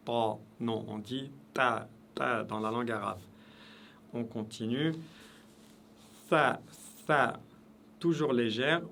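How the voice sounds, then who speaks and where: A man's voice: medium pitch, fairly bright tone, slight background noise. A man teaching Arabic letter pronunciation, repeating each sound in patient drills. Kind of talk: pronunciation lesson.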